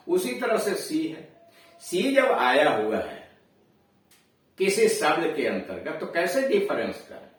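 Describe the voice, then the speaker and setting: A man with a Hindi accent, teaching English pronunciation slowly in a classroom lesson, repeating each word as he explains it. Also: a little high, a bit bright. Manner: slow, explanatory, repeats words for drilling. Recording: echoey room, voice far from mic.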